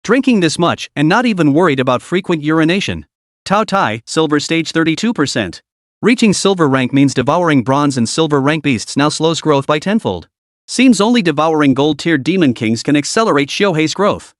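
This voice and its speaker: A male narrator giving a scripted recap of a fantasy comic. His voice sits slightly high and swings lively in pitch. The room sound is dry and close. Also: normal speed, no room sound.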